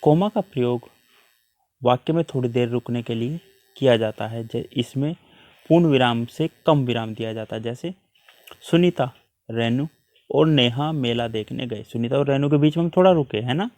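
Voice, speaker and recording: A man's voice: mid-range voice, mellow, no echo. Patient male teacher, dry close sound. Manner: patient, explains slowly with repeated examples. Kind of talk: worksheet lesson for children.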